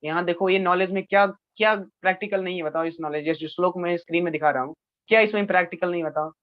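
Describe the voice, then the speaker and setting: A man's voice: high-pitched, fast, no room sound. A man lecturing a youth class on scripture, earnest and pressing his listeners with rhetorical questions. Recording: dry, dull lo-fi sound.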